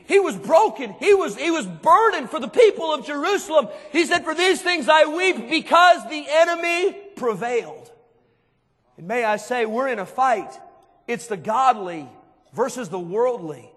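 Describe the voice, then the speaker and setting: A man with a very high voice preaches a sermon, dropping to hushed tones and then rising to shouts. His voice rings out with a long hall reverb behind it. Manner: emphatic, swings between hushed and shouted.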